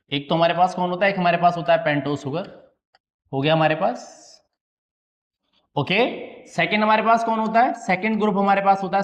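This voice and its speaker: A man's voice: high-pitched, muffled recording. A man teaching a biology class, asking questions and answering them himself, repeating key terms and checking that students follow. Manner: calls students "beta", checks they understood. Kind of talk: classroom lecture at a slide board.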